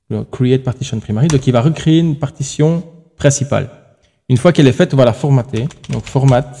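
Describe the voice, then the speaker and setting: A man's voice: mid-range voice, warm tone. A man hosting a tech tutorial, talking casually through each step on screen, thinking aloud with fillers and self-corrections.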